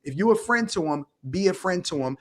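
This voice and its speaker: A man's voice: high voice, expressive, a little fast, a bit bright. A male guest giving a motivational speech, exhortative and repetitive.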